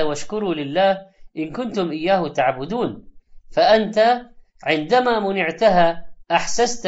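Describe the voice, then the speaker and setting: A man preaching in formal standard Arabic, explaining scripture in measured, deliberate phrases with short pauses. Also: high voice. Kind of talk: Quranic commentary sermon in formal standard Arabic. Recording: dull, band-limited lo-fi audio.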